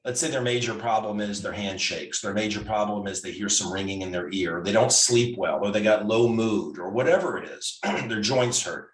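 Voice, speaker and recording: This physician guest, a man in his sixties, has a lowish voice and talks at a normal speed with few pauses. Casual and conversational, he breaks things down step by step and keeps restarting his sentences. There is a roomy, distant quality to the recording.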